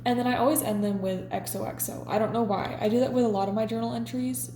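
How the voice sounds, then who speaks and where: A woman in her twenties talks in a relaxed, confessional vlog chat. Her voice is mellow and soft-edged, with a little faint hiss underneath. The room sounds noticeably echoey. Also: on the high side, fast talker. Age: 20s. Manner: relaxed, chatty and confessional, reading her diary entries aloud. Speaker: vlogger. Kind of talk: casual chat.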